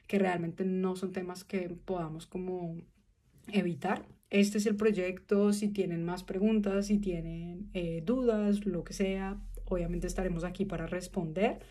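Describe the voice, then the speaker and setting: A young Colombian woman talks earnestly into a phone camera in a small room, pausing to search for words. Her voice sits a little low, with a mellow, flat delivery that rarely rises. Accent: Colombian Spanish. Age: 20s. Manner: earnest, thoughtful, pauses with fillers and restarts. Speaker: film student pitching her short film. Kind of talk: direct-to-camera appeal. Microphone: phone camera at arm's length.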